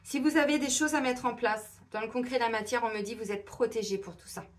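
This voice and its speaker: A chatty middle-aged woman giving a spiritual card reading straight to her viewers. Her voice sits a little high. She talks casually and slips into playful mini-scenes with other voices. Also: fast. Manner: chatty, animated, acts out little imagined dialogues. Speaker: tarot and oracle card reader.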